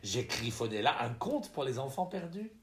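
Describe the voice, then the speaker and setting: A man's voice: mid-range voice, sing-song, moderate pace, lightly acted. A man voicing an eccentric, impoverished male wanderer who speaks in an earnest, slyly whimsical way.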